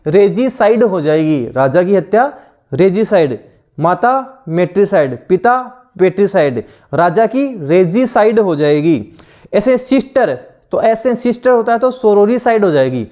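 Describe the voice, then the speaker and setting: A young man with a high voice and an Indian accent leads an online exam-prep class. He reads each definition out slowly and deliberately, then drills the answer through repeated rhetorical questions. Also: animated, dark tone. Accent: Indian English.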